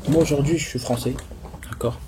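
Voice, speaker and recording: A man's voice: medium pitch, brisk, mellow, a little hiss or hum. A man from Senegal in a panel discussion, speaking emphatically and assertively to make his points. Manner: emphatic, assertive, rises in force.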